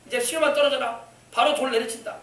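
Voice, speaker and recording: A man voicing a group of boastful self-righteous men accusing a woman, declaring loudly and proudly. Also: extremely high pitch, steady tone, fast talker. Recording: echoey church from far off.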